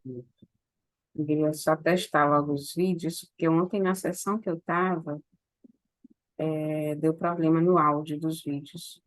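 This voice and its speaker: A woman chats over a video call while getting an online session ready, asking practical questions in a soft-spoken way. Her voice sits low for a woman. The sound is dry and close, with no room echo. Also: fairly even intonation, unhurried. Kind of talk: casual online meeting chat.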